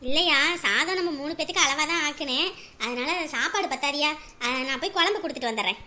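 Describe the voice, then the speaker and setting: A woman's voice: sits high, animated, quick pace, pushed and bright. A woman playing an emotional young village wife in a TV serial, who swings between tears and scolding. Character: young village wife, affectionate, sharp-tongued with her mother. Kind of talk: TV serial acting.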